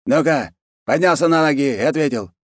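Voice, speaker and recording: A man's voice: lowish voice, moderate pace, a little mellow, no room sound, studio quality, voice pushed up, natural voice. A man voicing a fat, lazy and cruel khan who talks in a peevish, bossy way.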